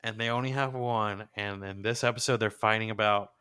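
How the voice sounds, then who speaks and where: A man's voice: fairly low pitch, steady tone, brisk, bright, forceful tone, clear, resonant tone. A man co-hosting a podcast, chatting casually and enthusiastically about an anime episode like a gushing fan. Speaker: podcast co-host.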